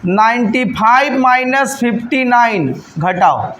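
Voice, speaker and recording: High-voiced teacher. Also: male voice, animated, a bit bright. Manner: quizzes students with constant questions, scolds and teases them; slows to spell out each step. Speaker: teacher for government exam coaching. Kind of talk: classroom math lesson. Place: classroom with students.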